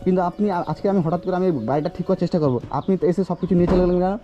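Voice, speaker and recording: A man's voice: high-pitched, fairly even intonation, very fast, highs cut off, over music. A man filming outdoors as a social worker vlogger, pressing with repeated questions. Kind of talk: confrontational street interview.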